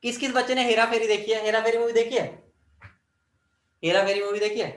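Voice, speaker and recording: A high-voiced man lectures on chemistry, firing questions at his class and joking as he works through formulas. He sounds set back from the mic, and the room rings with echo. His delivery stays a classroom lecture throughout. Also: steady tone, fast talker. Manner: drills formulas, quizzes students, jokes. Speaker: chemistry teacher. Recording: echoey room, mic at a distance.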